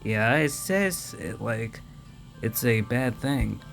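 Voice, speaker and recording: A man reading a visual novel aloud with casual commentary, halting and stumbling over words. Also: mid-range voice, lively intonation, gravelly, soft background music. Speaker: let's play host reading a visual novel.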